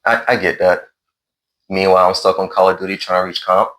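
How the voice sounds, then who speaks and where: Man, low pitch, casual host, laid-back teasing, conversational questions. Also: level tone, brisk, a bit bright. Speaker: podcast host. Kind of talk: casual chat, asking and teasing.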